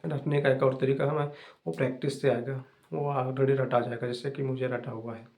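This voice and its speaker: A young man hosting an English-learning channel, giving fast, repetitive, casual advice to viewers. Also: mid-range voice, level tone, a little mellow.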